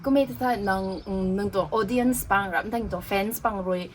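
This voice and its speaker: A woman hosting a casual talk show interview, mixing in English words and nodding along with soft "mm" sounds. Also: medium pitch, normal speed, slight background noise. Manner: mixes in English words, frequent soft "mm" acknowledgements. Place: cafe.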